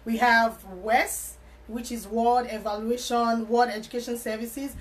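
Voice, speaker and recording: A woman's voice: a little high, steady tone, a little slow. A woman working as an immigration consultant, giving earnest advice to camera, repeating key words with frequent fillers and restarts. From Canada, living in Alberta. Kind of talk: explanatory advice talk to camera.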